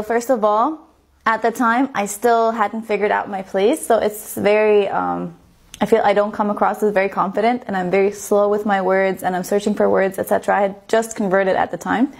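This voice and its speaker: A native Estonian speaker in her twenties tells a personal story in casual video-blogger style, chatty and repeating words for emphasis. Her voice is medium in pitch and a little mellow.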